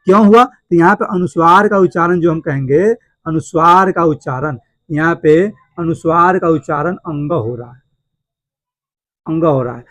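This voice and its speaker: A male teacher gives a classroom grammar lesson, repeating each point and asking the class questions that he then answers himself. His voice sits high, and he speaks to his students affectionately. The recording is dry and close, with no room sound. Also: dry recording.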